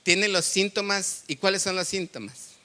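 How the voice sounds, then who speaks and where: Mexican pastor guy preaching, kinda high voice, sharp and bright, asks the crowd questions as he tells stories. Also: moderate pace. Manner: conversational storytelling, quizzing the congregation. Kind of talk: sermon.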